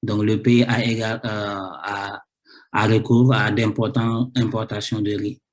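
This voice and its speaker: Speaking a little slowly in a level tone, this Senegalese man has a fairly low-pitched voice. He has a cold and delivers his thesis talk as a researcher, hesitating often, repeating words, and filling pauses.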